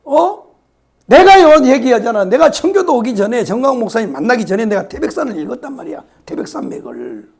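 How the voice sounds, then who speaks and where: Man, pastor, hoarse raspy voice, emphatic sermon, high lively pitch. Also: fairly quick. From South Korea, Yeosu-Suncheon area. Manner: emphatic, repeats phrases, drops to whispers.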